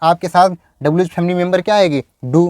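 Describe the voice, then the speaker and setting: A man teaching English in a video lecture, explaining step by step and saying example sentences slowly. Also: high-pitched, a little mellow, no room sound, studio quality.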